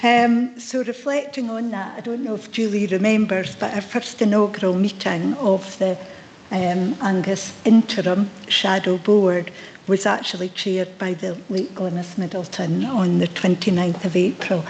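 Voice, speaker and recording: A woman's voice: medium pitch, steady tone, a little slow, darkish tone, low-quality recording. Heartfelt Scottish woman giving a farewell. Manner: heartfelt, reflective. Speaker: outgoing chief officer. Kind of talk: farewell speech at a board meeting. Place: council chamber.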